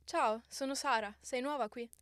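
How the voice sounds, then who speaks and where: A welcoming young woman speaks eagerly and kindly, voiced by a woman reader. Her voice is fairly high, recorded dry and close. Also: normal speed, fairly bright tone, clean tone, no room sound.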